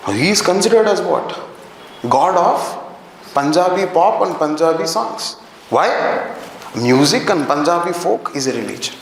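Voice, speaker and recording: High-voiced Indian man lecturing in an echoey classroom. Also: a bit bright. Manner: questioning the class, answering his own questions. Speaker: anthropology teacher. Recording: very echoey classroom, faint background noise.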